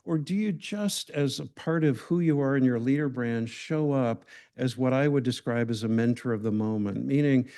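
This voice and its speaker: A man's voice: mid-range voice, moderate pace, hardly any pauses, warm tone. A man giving a conversational, engaging lecture to a hospital audience, often asking the room questions. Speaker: grand rounds speaker.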